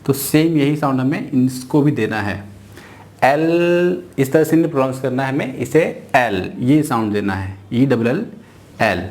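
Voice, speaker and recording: An Indian man teaching an English phonics lesson, spelling out each sound slowly and repeating every word. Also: medium pitch, a little mellow.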